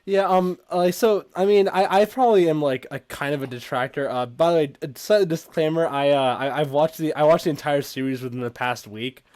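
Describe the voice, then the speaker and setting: A man's voice: on the high side, a little fast, hardly any pauses, darkish tone. A young man hosting a casual podcast chat, rambling with lots of fillers. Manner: rambling, many fillers, laughs often. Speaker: podcast host.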